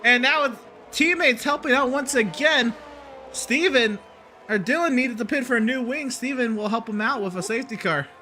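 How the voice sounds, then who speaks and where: A man calling a sim race in an excitable motorsport commentator style. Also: extremely high pitch, normal speed, faint music behind. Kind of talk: motorsport commentary of a sim racing game with casual chat.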